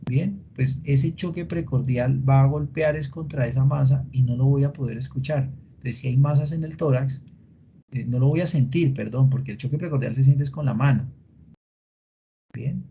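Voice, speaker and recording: A man teaching a veterinary class in an online meeting, explaining step by step, quizzing students and filling pauses with "eh". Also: mid-range voice, vocal fry, dark tone, slight background noise. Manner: explanatory, asks students questions, frequent fillers. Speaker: veterinary lecturer. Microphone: computer mic in a video call. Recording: dull lo-fi meeting recording.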